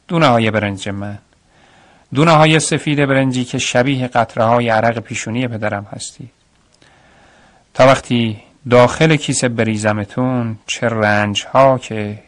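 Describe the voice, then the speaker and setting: A man's voice: medium pitch, no echo. A man narrating a radio story in the first person, reflective and earnest, on a studio mic.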